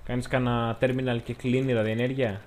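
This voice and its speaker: A man's voice: mid-range voice, little pitch movement, a little mellow, slight background noise. A man with a Greek accent giving chatty, joking let's-play commentary, talking to the game's characters as he plays. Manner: chatty, jokey, talks to the game characters. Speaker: gameplay commentator.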